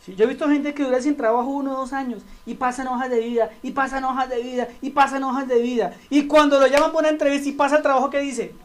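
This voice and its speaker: A man's voice: extremely high pitch, fairly even intonation, quick pace, hardly any pauses, slight background noise. Colombian male pastor preaching with humor. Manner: conversational, humorous, asks rhetorical questions. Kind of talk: sermon.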